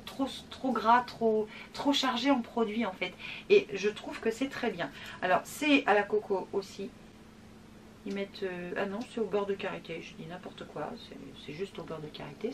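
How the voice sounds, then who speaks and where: A woman's voice: mid-range voice, recorded from a distance, slight background noise. A French woman chatting casually in a beauty vlog at home, rambling with fillers and laughing often. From France. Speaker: beauty vlogger. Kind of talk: casual product review vlog.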